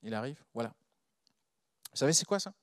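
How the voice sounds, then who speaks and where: A man's voice: medium pitch, a little fast, no echo, clean studio sound. A man preaching a sermon in French with a non-native accent, often asking the congregation questions. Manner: animated, asks the congregation rhetorical questions.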